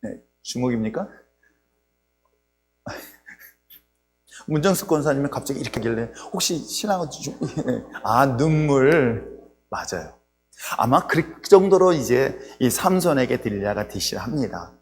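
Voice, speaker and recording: A man's voice: medium pitch, big pitch swings, measured pace, long pauses. A male pastor preaching a sermon, telling the story with humorous asides to the congregation. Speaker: senior pastor. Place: church sanctuary. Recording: long reverb in a church hall, faint hum.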